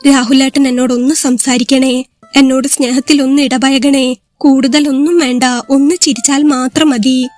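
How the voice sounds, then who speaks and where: A woman's voice: high-pitched, little pitch movement, moderate pace, a little mellow, no room sound, soft background music, lightly acted. A woman voicing an anxious young bride who pleads in prayer, in a storybook reading. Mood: pleading. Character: frightened young bride praying.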